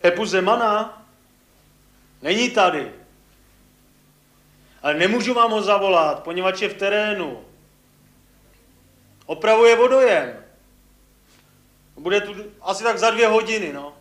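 A man's voice: high-pitched, animated, long pauses, fairly bright tone, roomy sound. An actor playing a puzzled workman answering the phone, offhand. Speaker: waterworks worker on the phone.

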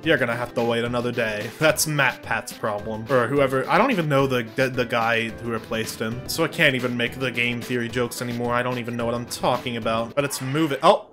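A man streaming a game, joking, swearing and reacting loudly with laughs and yelps. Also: medium pitch, a little fast, few pauses. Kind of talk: casual gameplay commentary. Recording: game music behind the voice.

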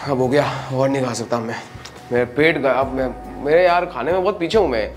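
A man's voice: medium pitch, brisk, faint music behind. A young man hosting a casual food challenge vlog. He chats, keeps checking with "ठीक है?", and talks while he eats. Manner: chatty, keeps asking "ठीक है?". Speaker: vlog host.

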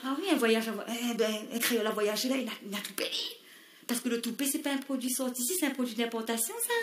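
A woman comedian from Réunion with a Réunion Creole accent, doing loud, mock-indignant stand-up on stage. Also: a little high, fast, roomy sound. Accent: Réunion Creole French. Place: stage in a live show.

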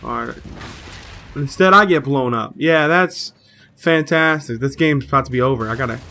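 Bright-voiced young man calling gameplay. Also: mid-range voice, moderate pace. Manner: excitable trash talk, cursing. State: slightly hoarse, a little sick. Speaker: gaming channel host. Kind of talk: live gameplay commentary.

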